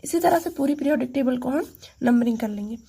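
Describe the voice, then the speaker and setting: A woman teaching chemistry mnemonics, reciting the tricks slowly syllable by syllable and speaking to viewers as friends. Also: high-pitched, lively intonation, vocal fry, mellow, slightly rough. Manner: slow, syllable-by-syllable recitation for memorizing.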